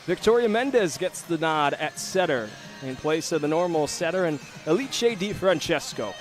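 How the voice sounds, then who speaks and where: Male sports broadcaster, slightly high voice, pregame lineup read over music. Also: moderate pace. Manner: steady, informative read of team notes and starting lineups. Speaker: play-by-play broadcaster.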